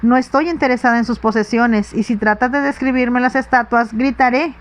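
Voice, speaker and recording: A woman voicing a petulant, self-indulgent young stepmother in a soft, whispered role-play audiobook reading. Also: on the high side, fairly even intonation, fairly quick, natural voice. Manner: childish, dreamy and self-indulgent. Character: petulant pleasure-loving young stepmother, lady.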